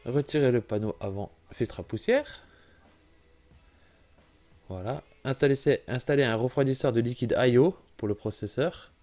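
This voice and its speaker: A man's voice: medium pitch, normal speed, mellow. A man with a cold, giving a chatty, self-correcting walkthrough of a computer-building game and often apologizing. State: has a cold, clearing throat. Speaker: gaming YouTuber. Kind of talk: casual gameplay walkthrough commentary.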